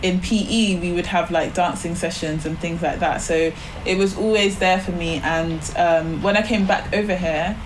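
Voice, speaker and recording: A woman's voice: on the low side, fairly even intonation, moderate pace, few pauses, a little hiss or hum, rough recording. A woman from Barbados, a podcast guest, talking casually and rambling, with lots of "like" fillers. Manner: chatty, many "like" fillers, rambling. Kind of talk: casual spiritual chat.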